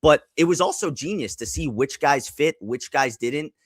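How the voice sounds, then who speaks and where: A man's voice: on the high side, lively intonation, normal speed, breathy edge, no echo. A man from Canada, a sports writer and podcast host, talking basketball in a casual chat, restarting his sentences often.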